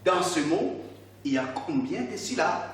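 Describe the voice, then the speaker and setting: A man teaching a primary school reading lesson, speaking slowly and deliberately, stretching out syllables and repeating words for the class. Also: a little high, lively intonation. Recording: echoey room, voice from a distance.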